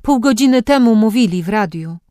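A woman voicing a churchgoing neighbor woman who speaks gravely and urgently, in an audiobook. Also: fairly high pitch, lively intonation, a little fast, mellow, no room sound, studio quality, voice pushed up, lightly acted.

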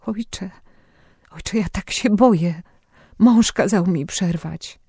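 A man reading aloud and voicing a frightened young woman at confession, hushed and pleading, close to tears. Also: high-pitched, slow, breathy edge, dry recording, exaggerated voice. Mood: pleading, tearful.

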